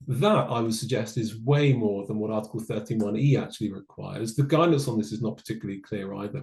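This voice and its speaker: Man presenting, gravelly, echoey room. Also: medium pitch, darkish tone. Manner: measured, explanatory, dry asides. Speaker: webinar presenter. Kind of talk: online presentation on data law.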